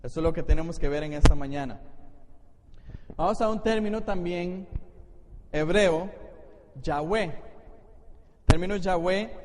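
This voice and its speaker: A man with a Costa Rican accent, a pastor giving a Bible study to his congregation in an explanatory teaching manner. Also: high voice. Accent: Costa Rican Spanish. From Costa Rica. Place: church hall. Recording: echoey church hall, faint noise.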